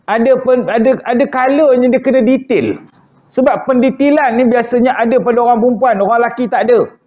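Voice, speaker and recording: A man's voice: very high-pitched, brisk, muffled recording. A Malaysian man teaching an evening mosque lecture in a joking, conversational way, often acting out quoted wives. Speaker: religious teacher. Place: prayer hall.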